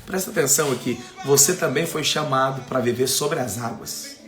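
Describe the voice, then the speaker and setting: A Brazilian man preaching in a church, his voice ringing with room echo. He builds to emphatic, raised peaks and then drops back to a softer, intimate tone. His pitch sits in an ordinary middle range. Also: brisk, soft background music. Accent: Brazilian Portuguese. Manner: impassioned, rising to emphatic peaks then dropping soft. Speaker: pastor. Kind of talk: sermon. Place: church sanctuary.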